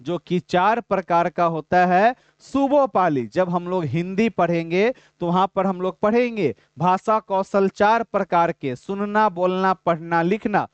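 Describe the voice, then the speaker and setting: A male teacher with a high, clear voice runs a live online exam-prep class. He asks his viewers questions, answers them himself and calls out their names as replies come in. The sound is dry and a little dull. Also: measured pace, hardly any pauses, no echo.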